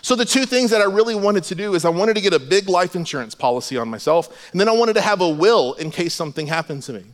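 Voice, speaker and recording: Storytelling pastor with a high voice. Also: male voice, animated, fast talker, hardly any pauses, big-room sound. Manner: humorous, conversational, acts out dialogue. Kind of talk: sermon with personal storytelling. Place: church sanctuary.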